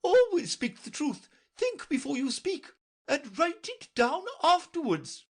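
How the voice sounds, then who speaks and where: The Red Queen, shrill and imperious. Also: big pitch swings, measured pace, heavily acted. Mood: imperious scolding. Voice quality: sharp, loud, scolding. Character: stern bossy queen, sharp and imperious.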